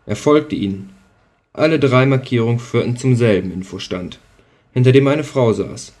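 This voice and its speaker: A man's voice: mid-range voice, moderate pace, a little mellow. A man reading a story aloud in a dry, matter-of-fact way. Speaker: narrator. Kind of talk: scripted narration.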